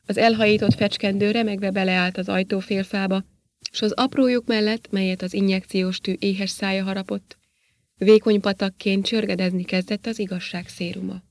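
A woman narrating a science fiction story in an audiobook in a steady storytelling manner. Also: medium pitch, no echo.

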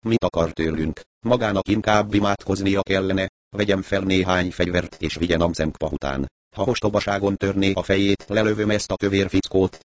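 A man reading the part of a very old, weary and menacing lama with a raspy voice, in an audiobook. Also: low voice, steady tone, no room sound, lightly acted.

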